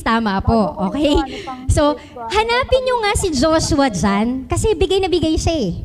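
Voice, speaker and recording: A Filipino woman teacher speaks from a stage, her voice sitting high. Long reverb trails off her words through a big hall. She mixes Tagalog with English and puts questions straight to the audience. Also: background noise. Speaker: public school teacher giving a talk. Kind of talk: talk to a live audience with slides.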